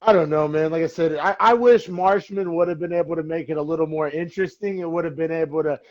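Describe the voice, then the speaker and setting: Young man, high voice, rambling fight podcast chat, lo-fi dull sound. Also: fast talker, darkish tone. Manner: rambling, loose and laughing, with many fillers. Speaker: podcast co-host. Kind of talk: casual sports chat.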